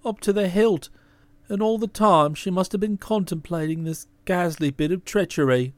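A woman's voice: lowish voice, dry recording, voice pushed down, natural voice. A woman doing a hollow-voiced gloomy young Englishman. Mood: aggrieved. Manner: hollow, halting, mournful.

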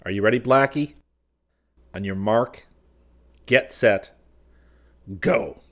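A man voicing a bold young scientist-hero who calls out brisk, loud commands. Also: sits low, fairly even intonation, natural voice. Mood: rallying.

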